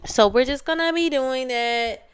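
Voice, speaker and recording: Slow-paced Philadelphia woman, casual and slangy. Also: high voice, slight background noise. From Philadelphia area, USA. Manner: informal, slangy. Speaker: reaction video host. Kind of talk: casual reaction commentary.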